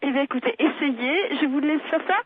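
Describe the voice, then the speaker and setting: This woman doctor, speaking on the telephone with a high voice, explains matters in a courteous, matter-of-fact, teaching way at a moderate pace. The narrow, tinny phone line carries slight background noise.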